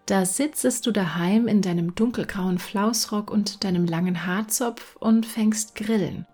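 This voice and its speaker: A woman's voice: mid-range voice, a little slow, a little mellow, soft background music, lightly acted. A woman voicing a greedy, sly female cat in a fairy-tale reading, speaking in a smug, often half-whispered way. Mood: mocking. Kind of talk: storybook reading.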